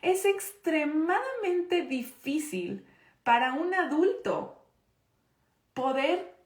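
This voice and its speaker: A woman's voice: high-pitched, big pitch swings, very slow. Emphatic woman teaching in an echoey room. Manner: conversational, checks in with the audience often; emphatic, stresses key points. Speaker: parenting course instructor. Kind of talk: live online class.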